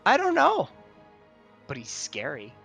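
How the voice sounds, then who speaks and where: A man voicing an unsettling little girl who speaks bluntly and flatly in a tabletop game. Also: on the high side, unhurried, gravelly, husky, soft background music, voice pushed up, exaggerated voice. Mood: excited. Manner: flat, matter-of-fact delivery.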